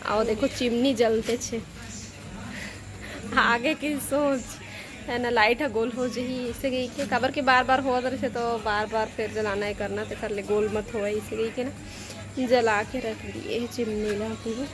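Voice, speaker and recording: A woman's voice: a little high, little pitch movement, measured pace. A woman with a Chhattisgarhi accent chats casually to her viewers as a home vlogger. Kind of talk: casual vlog chat. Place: at home in the evening.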